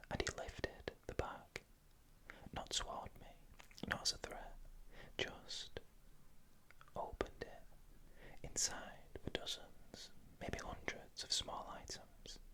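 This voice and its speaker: An ASMR narrator reads scary bedtime stories entirely in a soft whisper. The voice is breathy and unvoiced, moving deliberately through short phrases and leaving pauses between them.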